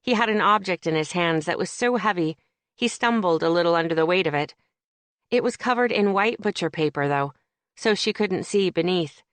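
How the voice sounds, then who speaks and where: Wry, low-voiced woman narrator. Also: moderate pace, no room sound. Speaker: audiobook narrator. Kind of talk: scripted narration.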